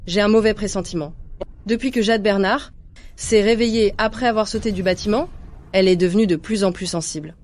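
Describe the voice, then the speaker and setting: An actress dubbing an anxious, jealous younger sister in a drama, talking in a worried, pleading way. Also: female voice, mid-range voice, fairly quick, a little mellow, natural voice. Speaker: dub actress. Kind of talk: dubbed drama.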